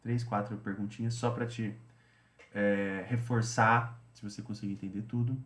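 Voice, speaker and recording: A man's voice: fairly low pitch, little pitch movement, normal speed, a bit bright, echoey room. A man teaching English, explaining a study routine in a chatty way, often repeating himself and tagging phrases.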